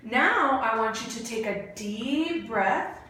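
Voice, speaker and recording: A woman's voice: on the high side, lively intonation, slow pace, sharp tone. A woman clinician giving step-by-step exam instructions in an encouraging way, with short bits of praise. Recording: very echoey room, distant mic, faint noise.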